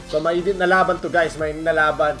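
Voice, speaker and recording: A Filipino man casting a mobile esports final, mixing Tagalog and English and bursting into shouts at big plays. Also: on the high side, level tone, a little fast, soft background music. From Philippines. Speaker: esports caster. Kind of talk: excited play-by-play commentary.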